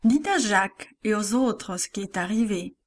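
A woman's voice: medium pitch, moderate pace, close to an everyday voice. Woman voicing earnest, weary apostle Peter. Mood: grateful.

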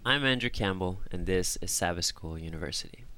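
A man hosting a discussion show, telling a story in a calm, measured way and then talking with his guests. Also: low voice, loud music behind the voice. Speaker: host. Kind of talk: scripted narration and discussion hosting.

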